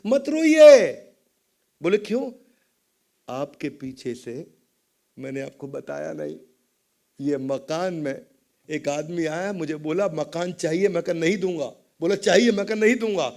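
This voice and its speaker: Brief: a male motivational speaker, high-voiced and theatrical, voicing the characters in his stories. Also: steady tone, measured pace, vocal fry, a little mellow. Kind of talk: motivational storytelling talk.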